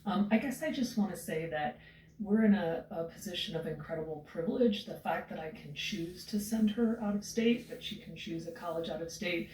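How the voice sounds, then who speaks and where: A middle-aged mother speaks reflectively, with small hesitations, in a lowish voice. She sounds a bit distant in an echoing room. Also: normal speed, a little mellow, a little hiss or hum. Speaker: student's mother. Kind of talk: news interview statement. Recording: roomy sound from off mic.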